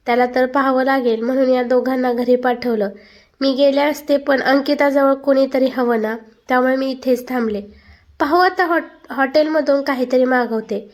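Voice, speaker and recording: A woman with a high voice reads out a family story. She speaks every character's lines herself in one steady storytelling voice. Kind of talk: scripted story narration.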